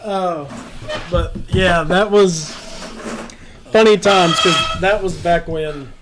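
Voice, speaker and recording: A man telling stories in a casual podcast chat, animated and laughing as he acts out quotes. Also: sits high, slow, background noise. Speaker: podcast host.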